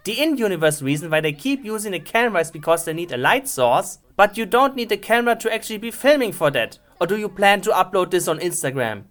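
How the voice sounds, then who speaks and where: A woman's voice: mid-range voice, very animated, fast talker, few pauses. A woman delivering scripted comedic film review commentary in a sarcastic, mocking, sweary way.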